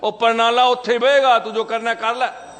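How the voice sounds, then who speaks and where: Brief: man voicing a gruff village bully with a Punjabi accent, high-pitched and defiant, recorded in an echoey hall. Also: level tone, normal speed, a bit bright.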